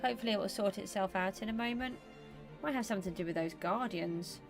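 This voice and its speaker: Talking quickly over music, a woman with a mid-range voice streams a building game live. She's a British livestreamer from England, and her chat is casual, full of ums as she thinks aloud.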